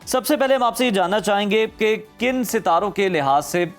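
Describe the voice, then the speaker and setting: A man's voice: sits high, animated, moderate pace, faint music behind. A man hosting a TV talk segment, asking formal, polite questions. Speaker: TV show host.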